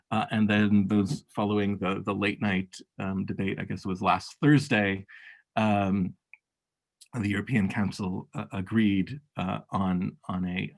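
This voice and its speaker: A man with a lowish, gravelly voice, talking off the cuff as a workshop panelist. He halts often and fills the gaps with filler sounds and restarts. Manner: halting, many fillers and restarts. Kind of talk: unscripted policy talk.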